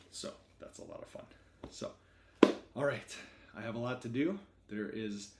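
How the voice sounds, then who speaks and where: Chatty low-voiced man in an echoey room. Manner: chatty and enthusiastic, with fillers and self-corrections. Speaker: artist presenting his merchandise. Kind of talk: casual product preview vlog.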